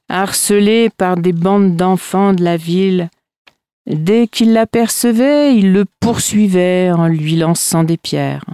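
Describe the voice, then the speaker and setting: A woman storyteller reads folk tales aloud at an unhurried pace, her delivery measured and expressive. Her voice sits at an ordinary pitch. The recording is dry and close. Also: smooth, no echo.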